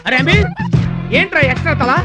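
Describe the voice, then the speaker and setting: A man in a slapstick film comedy scene, loud and whiny, yelping and groaning in pain. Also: extremely high pitch, animated, quick pace. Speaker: comic film character. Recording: film soundtrack with music behind. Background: film score music.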